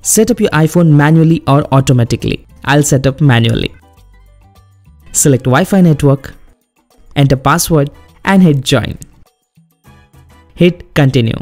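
A man narrates a tech how-to as a voice-over, his voice sitting a little high yet soft and dark in tone. He gives short, plain instructions one after another. Faint music plays underneath. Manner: plain, instructional, brisk commands. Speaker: tech tutorial host. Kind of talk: step-by-step tutorial voice-over.

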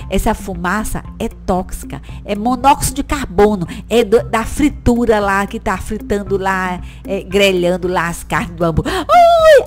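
A woman with a Brazilian Portuguese accent giving chatty, exclamatory commentary while playing a video game, talking to her viewers as little friends. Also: a little high. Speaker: gameplay YouTuber. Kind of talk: casual gameplay commentary.

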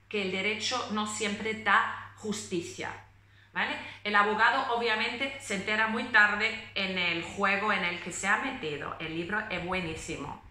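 A woman in her late twenties, a phonetics teacher, giving a pronunciation lesson with slow, deliberate explanations and hesitant fillers. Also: mid-range voice, pushed and bright, roomy sound. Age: late 20s. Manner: reads German prose aloud in a measured voice. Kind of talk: German phonetics lesson in Spanish.

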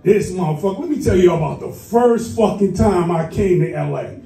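A man from Boston doing a loud, crude stand-up set, shouting at the crowd in a comedy club. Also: high-pitched, animated, fairly quick, vocal fry, far from the mic. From Boston, US East Coast. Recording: roomy club sound from afar, music.

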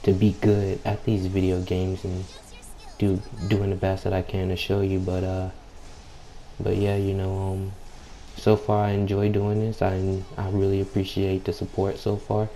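A young man with a low, subdued voice giving unhurried, laid-back, slangy casual gameplay commentary. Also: monotone, mellow, faint music behind. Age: young adult. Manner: unhurried, laid-back, slangy, frequent "you know" filler; keeps clearing throat. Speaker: gaming YouTuber. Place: at home late at night, people nearby. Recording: home mic with background noise.

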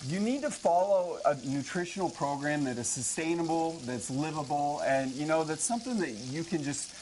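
A man in his thirties, a strength and conditioning coach, explaining workouts and nutrition as a guest on live TV, energetic and motivating, speaking on a lapel mic. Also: a little high, normal speed, a little hiss or hum. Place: TV studio set and kitchen.

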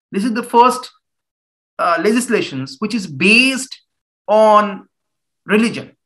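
A human rights lawyer in his thirties, speaking with an Indian English accent, gives an earnest public talk and presses listeners with pointed questions. He has a high voice and gestures animatedly with his hands, indoors in a small room at home.

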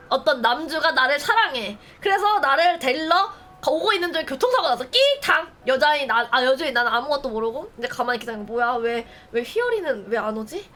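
High-voiced woman streamer chatting playfully. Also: sharp tone. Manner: playful storytelling, acting out scenes with bursts of laughter. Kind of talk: casual chat with viewers.

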